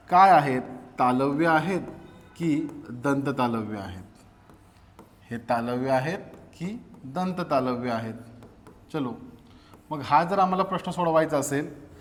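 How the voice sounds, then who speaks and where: Man teaching a grammar lecture, fairly high voice, asks questions and answers them himself, long reverb.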